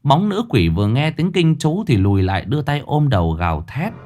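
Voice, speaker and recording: Expressive storyteller man. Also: mid-range voice, fairly quick. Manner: dramatic, expressive reading. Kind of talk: ghost story narration.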